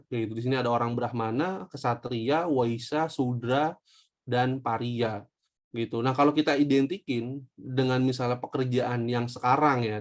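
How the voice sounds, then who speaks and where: A young man teaching an online history class in a loose, joking way. He speaks with a slang flavor, throws questions at the class and answers them himself. His voice sits at an ordinary middle pitch. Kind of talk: casual online history lesson.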